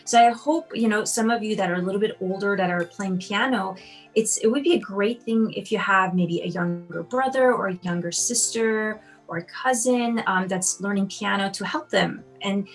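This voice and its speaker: A woman in her thirties who grew up in Austria, a piano teacher and competition judge, answers children's interview questions in a chatty, encouraging way, full of ums and you-knows. Her voice is mid-range and her pace moderate, though the audio quality is poor.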